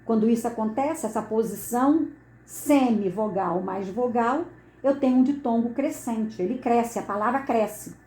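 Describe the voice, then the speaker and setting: A woman teaching a Portuguese grammar lesson, explaining slowly and deliberately and repeating the key words. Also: on the high side, warm tone, a little hiss or hum. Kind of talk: classroom lesson at a board. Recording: echoey room.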